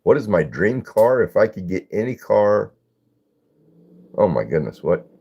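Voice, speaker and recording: A man's voice: lowish voice, sing-song, measured pace, gravelly, darkish tone, breathy edge, highs cut off. An older man hosting a live stream, chatting in a folksy way and greeting viewers by name as he reads their comments. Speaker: livestream host. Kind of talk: casual live-stream chat reading comments.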